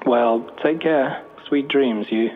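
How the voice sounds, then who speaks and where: A nervous, sweet young man, played by a man, stumbles through a hesitant voicemail full of fillers. His voice sits in an ordinary middle pitch. It comes through a thin, tinny answering-machine line. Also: takes it slowly, slightly rough. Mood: shy, hopeful. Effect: answering-machine playback. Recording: tinny phone-line playback.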